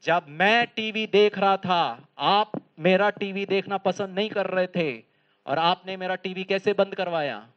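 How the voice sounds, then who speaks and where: A high-voiced man delivers a motivational lecture, full of humorous stories and quick questions to his listeners. He sounds lively and talkative. The recording is slightly dull and lo-fi. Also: smooth. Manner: lively, humorous storytelling, asks the audience questions. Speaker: spiritual lecturer. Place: lecture hall.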